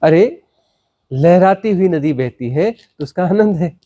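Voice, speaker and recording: A man's voice: lively intonation, slow, dark tone, no echo. A man, a spiritual teacher, gives a satsang discourse, repeating words and asking rhetorical questions. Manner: repetitive, rhetorical questions, dramatic swings of pitch.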